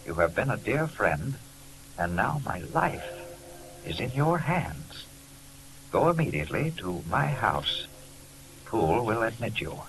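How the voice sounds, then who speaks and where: Expressive gentleman doctor. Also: fairly low pitch, a little slow, long pauses, soft background music, heavily acted. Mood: solemn reading. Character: stern, alarmed gentleman doctor and father. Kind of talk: 1940s radio drama acting. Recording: noisy 1940s radio recording with hum.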